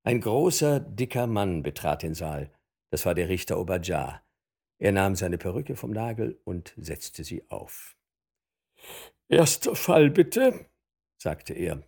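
A man narrating a storybook aloud in an expressive, dramatic reading. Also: sits low, a little slow, vocal fry, husky.

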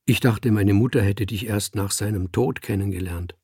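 A man reading aloud, voicing a quiet, polite son asking careful questions about his father. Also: fairly low pitch, moderate pace, breathy edge, no echo, clean studio sound. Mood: earnest. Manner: hesitant, polite. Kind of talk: audiobook reading.

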